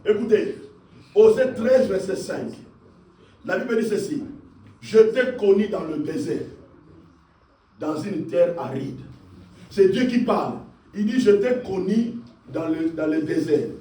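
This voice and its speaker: A male pastor preaching a fervent, repetitive sermon that rises into shouts. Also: high voice, lively intonation, unhurried, long pauses. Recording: echoey hall, distant mic.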